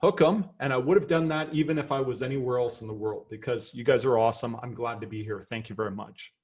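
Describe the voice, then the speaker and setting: Speaking at a quick pace in a mid-range voice, this middle-aged Canadian man lectures a seminar as a professor. His Canadian accent carries an enthusiastic, self-deprecating, chatty energy that keeps things lively.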